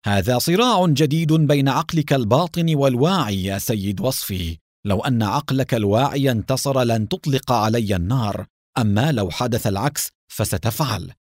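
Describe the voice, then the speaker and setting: A man voicing a calm, analytical male police captain who explains in a measured way in a story reading. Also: medium pitch, no room sound, clean studio sound, close to an everyday voice.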